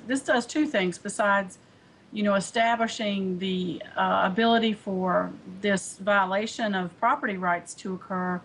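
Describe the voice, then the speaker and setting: A woman's voice: medium pitch, a little hiss or hum, poor audio. A woman speaking as an environmental advocate in a remote news interview, earnest and full of fillers and restarts. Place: remote studio link.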